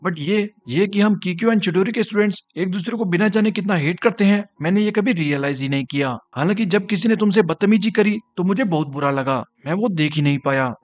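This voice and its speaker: A man voicing a gentle teenage boy who talks in a flustered, apologetic way. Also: sits high, fairly quick, hardly any pauses, no room sound, natural voice. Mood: remorseful.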